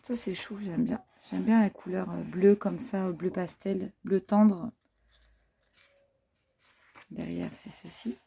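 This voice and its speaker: A woman's voice: lowish voice, fairly even intonation, slow pace, vocal fry, pauses often, mellow, a little hiss or hum. A woman chatting casually to viewers while showing craft papers, with many fillers and admiring asides. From France. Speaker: craft haul vlogger. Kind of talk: casual show-and-tell chat.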